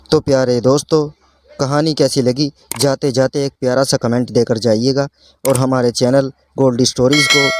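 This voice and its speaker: A man narrating a scripted story in a calm, even storytelling manner, as the channel's storyteller. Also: mid-range voice. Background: faint background music.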